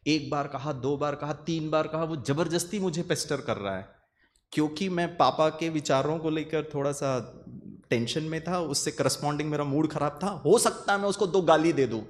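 A man's voice: fairly high pitch, normal speed. Earnest man giving a meditation talk. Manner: earnest, repetitive, mixes English words into his speech. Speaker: meditation speaker. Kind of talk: motivational talk to an audience.

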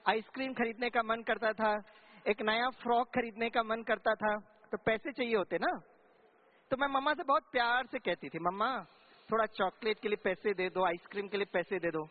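A man's voice: high voice, fairly even intonation, normal speed, natural voice. A man voicing a stubborn, clever seventh-grade girl who complains in a pleading way. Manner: pleading, matter-of-fact complaining. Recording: tinny phone-like sound.

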